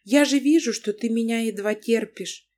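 A woman's voice: fairly high pitch, moderate pace, a little mellow, pitched above the performer's own voice, close to an everyday voice. A woman voicing a haughty, blunt young wife. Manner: brusque, mocking. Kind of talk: audiobook reading.

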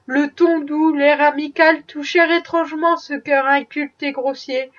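A woman reading a classic novel aloud in a measured, expressive way. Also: sits high. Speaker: audiobook reader. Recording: dull distant recording.

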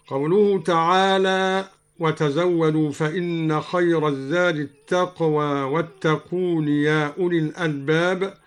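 A man from Egypt teaches Quranic readings over the radio at a slow, deliberate pace. His voice is smooth and resonant and sits a little high. He chants each quoted verse slowly and carefully. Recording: broadcast radio recording.

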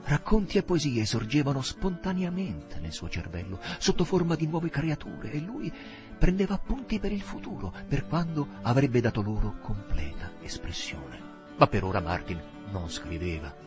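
A man narrating a novel aloud with expressive, dramatic phrasing. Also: mid-range voice, normal speed, over music. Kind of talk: audiobook reading.

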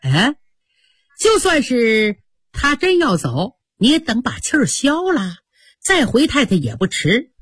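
Brief: a woman playing a patient young maid, soft and slightly husky. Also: fairly high pitch, huge pitch swings, unhurried, no room sound, studio quality, heavily acted. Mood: placating. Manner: placating, reasoning. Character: patient young senior maid, soothing but stung.

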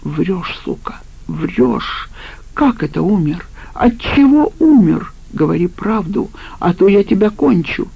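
A woman's voice: lowish voice, lively intonation, moderate pace, mellow, no echo, rough recording. A woman voicing a brutal, threatening male ex-convict in an audiobook, speaking in a harsh, blunt way. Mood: menacing.

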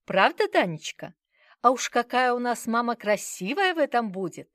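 A woman's voice: fairly high pitch, big pitch swings, moderate pace, no room sound, studio quality, pitched above the performer's own voice. A woman reading an audiobook voices a fawning older grandmother who coaxes in a sugary, ingratiating way. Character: fawning, flattering elderly grandmother.

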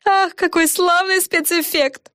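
A vain, prattling fairy woman who loves to boast, as a woman reading a storybook puts her on. She talks very high above the reader's own voice. The recording is dry and close. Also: steady tone, unhurried, fairly bright tone, dry recording. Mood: pleased. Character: chatty vain fairy woman, the contest host.

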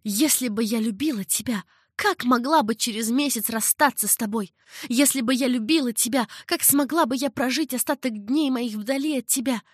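A woman's voice: medium pitch, normal speed, slightly rough, no room sound, clean studio sound, natural voice. A woman voicing a timid but proud young slave girl in a romance, speaking in an anxious, pleading way.

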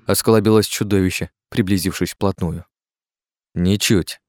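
Deep-voiced male audiobook narrator. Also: steady tone, fairly quick, darkish tone, no room sound, clean studio sound.

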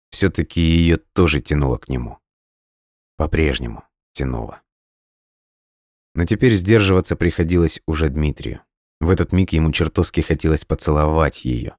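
Very deep-voiced male narrator. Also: darkish tone, dry recording, clean studio sound. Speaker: audiobook narrator. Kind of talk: scripted narration.

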